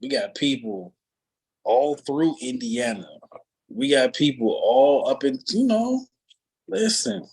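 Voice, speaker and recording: A man's voice: medium pitch, lively intonation, slow pace, darkish tone, slightly rough, rough recording. A man hosting a casual basketball podcast chat, talking in a loose, conversational way and drawing out his phrases. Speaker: podcast host.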